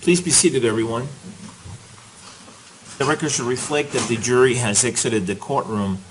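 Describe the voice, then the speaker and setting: A man presiding as judge, giving calm procedural instructions, heard on a courtroom recording. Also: mid-range voice, normal speed, slight background noise, poor audio. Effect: courtroom audio recording. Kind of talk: presiding over a trial.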